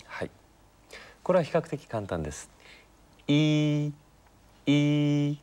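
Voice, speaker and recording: A man taking part in a language lesson, polite and lively, repeating sounds clearly. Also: mid-range voice, normal speed. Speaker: studio learner. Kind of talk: casual lesson talk.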